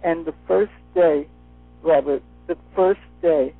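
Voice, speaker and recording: A man whose voice sits on the high side speaks slowly with vocal fry, talking around a retainer as he offers a personal testimonial as an interview guest over the phone. The dry recording comes through a muffled line with faint music behind.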